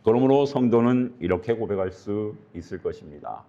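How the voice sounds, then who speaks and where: A man's voice: on the low side, expressive, brisk, mellow, highs cut off. A male pastor preaching earnestly, often putting questions to his congregation. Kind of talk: sermon.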